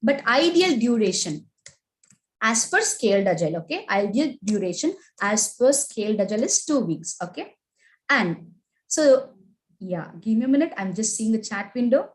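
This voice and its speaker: A woman's voice: on the high side, sing-song, moderate pace, low-quality recording. Indian woman teaching a live online class. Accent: Indian English. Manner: asks questions and reads chat answers aloud; frequent tag questions "right?" and "okay?". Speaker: agile training instructor.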